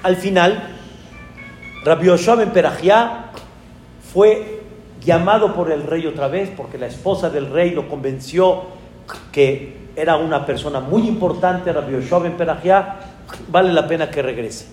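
A man with a Mexican accent, a rabbi telling a story in a sermon with animated, dramatic exclamations. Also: on the high side, unhurried, pauses often, roomy sound, in a large hall, soft background music.

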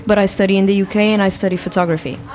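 A woman's voice: medium pitch, steady tone, very fast, a little mellow. A woman, talking hesitantly on a student radio show in a studio. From Portugal. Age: 20s. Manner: hesitant, frequent "um" and "uh". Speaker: student guest. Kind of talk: casual radio chat.

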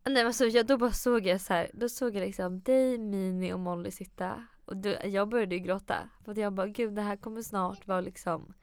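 Giggly, lively young woman podcaster. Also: mid-range voice, few pauses, clear, resonant tone, dry recording, studio quality. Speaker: podcast co-host. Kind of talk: casual chat.

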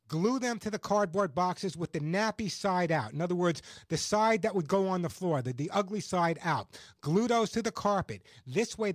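A man hosting a talk radio pet show, giving advice and sales pitches in an emphatic, folksy salesman's manner. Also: dry recording, studio quality.

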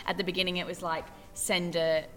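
Bright-voiced young woman chatting. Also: fairly low pitch, little pitch movement, a little fast, soft background music. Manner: chatty, laughs often, rambling. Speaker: podcast co-host. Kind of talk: casual chat.

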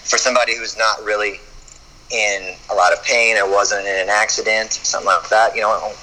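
A man's voice: lowish voice, little pitch movement, a little fast, pushed and bright, slight background noise, low-quality recording. A man, a chiropractor guest on a podcast, talking casually and often stumbling over repeated words as he starts a thought.

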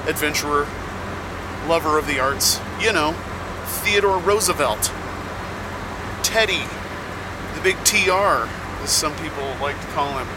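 A man hosting a podcast as a casual, rambling, halting monologue from inside the cab of a truck. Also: on the high side. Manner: slow, halting delivery with many pauses. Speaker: podcast host; touring musician. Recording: loud vehicle noise in truck cab. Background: loud vehicle and air noise.

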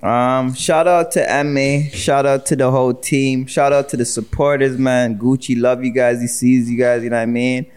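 A man's voice: mid-range voice, level tone, moderate pace, few pauses, darkish tone, clear, resonant tone. A man co-hosting a podcast in casual street slang, often adding conversational tag questions. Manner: repeats tags like "you know what I mean". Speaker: podcast co-host.

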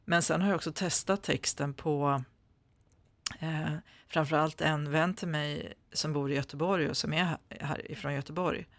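Swedish guy, kinda higher voice, gravelly, lots of ehs and restarts, dry close sound. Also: steady tone, fairly bright tone, no echo. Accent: standard Swedish. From Sweden. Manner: hesitant, many fillers and restarts. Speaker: author being interviewed. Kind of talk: conversational interview.

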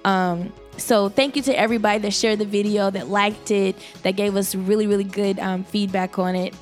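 Excitable woman chatting casually. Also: moderate pace, faint music behind. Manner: animated, excitable storytelling with big pitch jumps. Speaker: podcast host. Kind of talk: casual chat.

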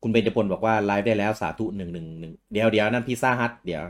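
A man's voice: fairly low pitch, racing. Thai male livestream host, casual, greets viewers by name, trips over hard names.

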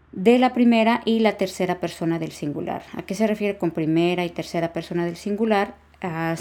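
A woman's voice: on the low side, darkish tone. A woman hosting a podcast lesson, patiently explaining grammar with repeated examples. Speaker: Spanish grammar teacher, podcast host.

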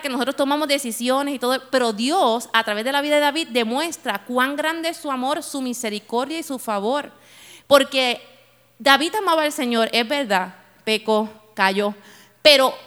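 A woman with a high voice preaches a sermon to her congregation. She talks straight to them, soft one moment and loud the next. Her voice rings out with a long reverb, as in a church hall. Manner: emphatic, switches between soft and loud passages; addresses the congregation directly.

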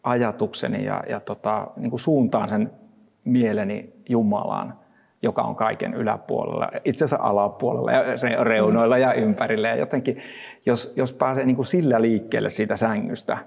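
Man with a gravelly voice in a reverberant room. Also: mid-range voice, fairly even intonation, a little mellow. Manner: thoughtful, halting, frequent restarts. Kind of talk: reflective Bible devotional talk.

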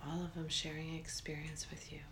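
A woman guiding a meditation in a soft, breathy near-whisper, slow and soothing, with long pauses. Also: deep voice, level tone, noisy background. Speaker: meditation guide.

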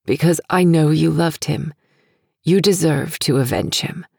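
A woman voicing a remorseful young man who kneels to die, speaking hoarsely and quietly. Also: low voice, measured pace, no room sound, heavily acted. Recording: dry close studio sound.

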